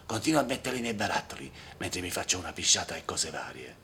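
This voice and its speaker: A man's voice: low-pitched, big pitch swings, quick pace, slight background noise, exaggerated voice. A man doing a snarling junkie in pain. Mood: irritated. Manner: snappish, gruff and shouting. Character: irritable male addict in pain.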